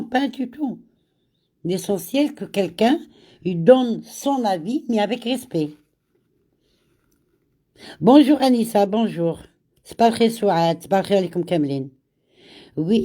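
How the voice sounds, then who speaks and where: In a mellow, medium-pitched voice, a woman with a cold hosts a casual live chat. She takes it slowly, repeats words, and greets viewers by name, sometimes with Arabic greetings.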